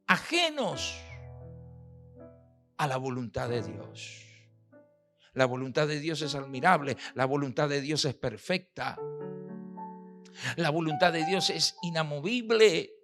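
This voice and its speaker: A male pastor delivering a sermon, preaching emphatically with rhetorical questions and pauses. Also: a little high, expressive, fairly bright tone. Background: piano and keyboard music.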